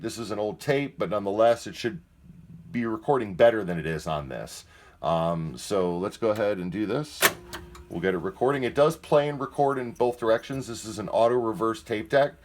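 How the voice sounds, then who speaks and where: A man with a voice on the low side talks fairly quickly while giving a casual, unscripted demonstration of a used tape deck. He's plain-spoken, candid and somewhat hesitant, and music plays from the tape deck at times.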